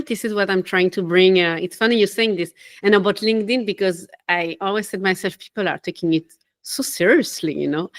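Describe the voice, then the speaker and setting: A young woman from Switzerland, a life coach and podcast guest, talking in an animated, casual way with small laughs and self-corrections. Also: medium pitch. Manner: animated, laughs between phrases, loses her train of thought. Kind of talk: casual interview talk.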